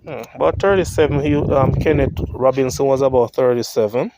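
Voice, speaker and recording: A man with a Jamaican accent, walking through a churchyard cemetery on a vlog, reading grave inscriptions aloud and thinking out loud. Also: medium pitch, brisk, slight background noise. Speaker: vlogger.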